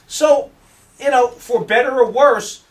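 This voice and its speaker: A man's voice: very high voice, takes it slowly, far from the mic. A man giving opinionated sports analysis in a casual podcast chat, talking with energy. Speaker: sports radio host and regular guest.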